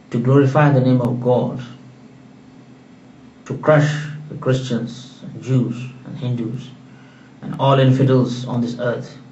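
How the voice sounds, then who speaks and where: A man's voice: mid-range voice, warm tone, slight background noise. Emphatic man, distant and roomy. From Pakistan. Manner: emphatic, repetitive, lecturing. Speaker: author presenting his book. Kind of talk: earnest solo talk to camera. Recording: roomy, distant, dull recording.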